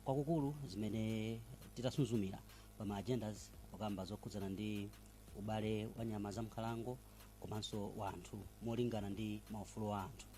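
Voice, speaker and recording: Male presenter, Malawian accent, fairly low and soft-edged tone, opening a live press event broadcast. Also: fairly even intonation, a little fast.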